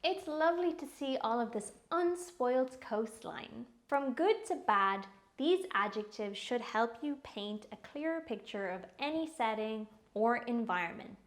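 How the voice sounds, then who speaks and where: Slow, clear woman English teacher. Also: on the high side. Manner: slow, careful pronunciation drills with repeated words. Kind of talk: scripted vocabulary lesson.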